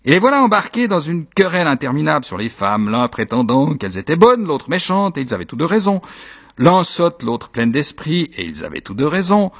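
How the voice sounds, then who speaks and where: Expressive man reading a classic novel. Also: on the high side, brisk. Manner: expressive, rhythmic, emphatic. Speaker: reader.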